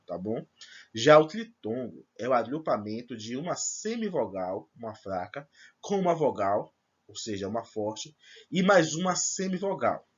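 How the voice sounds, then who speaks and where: In a recorded remote class, a man with a husky, medium-pitched voice teaches first-year students grammar, explaining step by step and checking in with them. The high frequencies are cut off.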